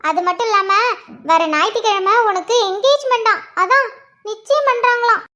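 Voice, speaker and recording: A woman's voice: very high voice, normal speed, bright, forceful tone. A woman voicing a teasing little sister. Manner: playful, gleeful teasing. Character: teasing mischievous younger sister girl. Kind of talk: animated cartoon voice acting.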